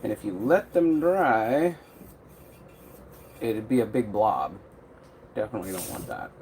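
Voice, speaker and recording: Slow, rambling man in a workshop. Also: lowish voice, expressive, darkish tone, poor audio. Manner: rambling, unhurried, many fillers. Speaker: custom tumbler maker. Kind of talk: live-stream craft chat. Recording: faint noise from outside.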